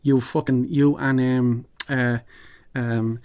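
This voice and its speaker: Man ranting, calm turning angry, dull audio. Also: mid-range voice, slow pace, clear, resonant tone. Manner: calm turning angry, combative, heavily swearing. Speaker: online commentator. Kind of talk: unscripted political rant. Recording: dull lo-fi sound.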